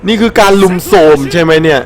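A man giving excited let's-play commentary over a game, animated and playful, with frequent shouted exclamations and crude slang. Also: high-pitched, fast. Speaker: gameplay commentator. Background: faint game music.

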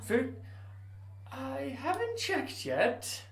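A man's voice: very high voice, huge pitch swings, extremely slow, vocal fry, pitched above the performer's own voice, full character voice. A man voicing a short, older dwarf innkeeper in a tabletop game, grateful and folksy, with a hesitant manner. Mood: grateful, eager. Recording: roomy, echoing tabletop recording.

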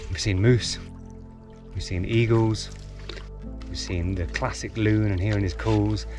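A man in his forties, vlogging casually and reflectively from a canoe on a lake, chuckling now and then. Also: on the low side. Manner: relaxed, reflective, chuckles often. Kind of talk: casual outdoor vlog narration. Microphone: action camera on the boat.

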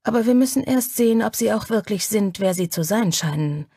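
A woman voicing a commanding, stern man in an audiobook, speaking slowly and with authority. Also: animated, mellow, slightly rough, dry recording, studio quality. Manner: slow, low and authoritative.

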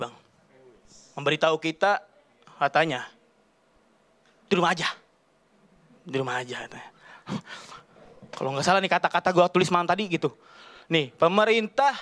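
On a television studio stage, a stand-up comedian in his thirties from Kalimantan, Indonesia, performs his set into a handheld mic. His voice is high for a man, and his delivery is animated and rambling, packed with casual slang. He keeps a moderate pace, broken up by long pauses.

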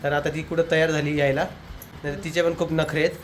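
A man's voice: a little high, little pitch movement, quick pace, slight background noise. A man filming a casual family vlog, chatting and teasing his relatives while talking straight to his viewers. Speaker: family vlogger. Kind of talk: casual vlog chat to camera. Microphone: handheld camera.

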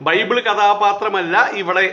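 A man delivers a heated, sarcastic commentary monologue in a high, bright voice, now and then mimicking others in short asides. The recording is echoey and somewhat dull. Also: steady tone, unhurried.

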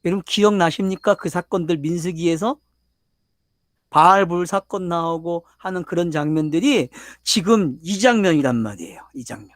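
Preaching on the Bible, the older male pastor repeatedly quizzes his listeners and hammers his arguments emphatically. The voice is fairly high and expressive, moving at a moderate pace, captured as clean studio sound without echo.

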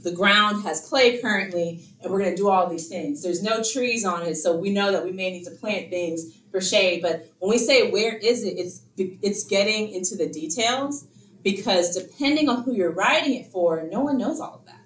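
Captured from afar by a room camera, a woman of medium pitch and normal speed leads a casual workshop before a screen in a meeting room. Her slightly bright voice echoes in the room over a little hiss or hum, as she chats along with rhetorical questions and plenty of fillers.

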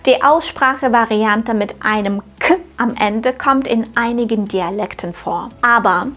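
A woman coaching German pronunciation in a scripted lesson, slowly demonstrating sounds with careful, clear articulation and speaking directly to the learner. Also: fairly high pitch, a bit bright, faint music behind. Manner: clear, encouraging teacher address to the learner.

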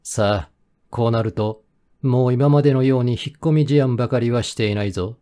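A man reading a first-person mystery as an audiobook narrator, in steady, measured storytelling. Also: mid-range voice.

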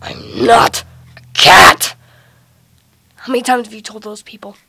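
A woman's voice: fairly high pitch, unhurried, gravelly, pushed and bright, breathy edge, voice pushed down, heavily acted. A young woman voicing a grumpy, defiant giant fox demon in a homemade plush-toy skit, complaining irritably. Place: small carpeted room at home.

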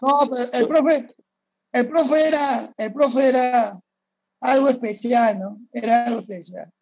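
An ex-footballer tells a story in a very high, husky voice. He is relaxed and casual, and his talk is full of filler words. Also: unhurried, no room sound, poor audio. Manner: relaxed, heavy use of fillers. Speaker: former footballer guest.

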